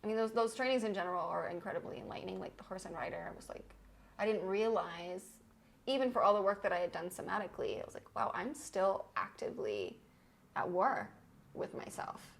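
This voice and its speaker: Candid woman with a gravelly edge. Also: medium pitch, fast talker, slight background noise, rough recording. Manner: candid, animated, acts out her inner voice. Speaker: podcast host. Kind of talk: casual conversation.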